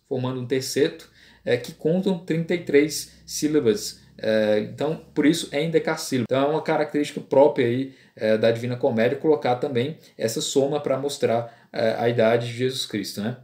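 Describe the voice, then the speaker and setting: A man giving an informal lecture, pausing often and tagging his sentences with a questioning "right?". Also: medium pitch, a little mellow. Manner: halting, with frequent fillers and "né?" tags. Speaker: teacher. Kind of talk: classroom-style lecture. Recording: roomy echo.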